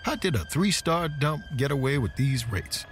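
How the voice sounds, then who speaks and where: A man's voice: medium pitch, very animated, moderate pace, voice pushed up, lightly acted. Man reading uptight nervous young banker guy, grumbling, audio story with music.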